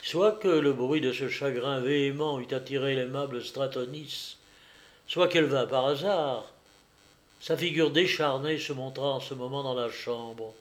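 A man narrating a classic novel as an audiobook in a measured, expressive way. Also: mid-range voice.

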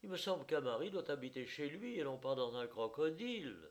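A man voicing a flighty, pretty young woman who is capricious and quick to take offence, in a read-aloud story. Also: fairly high pitch, very animated. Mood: petulant. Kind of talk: audiobook character voice.

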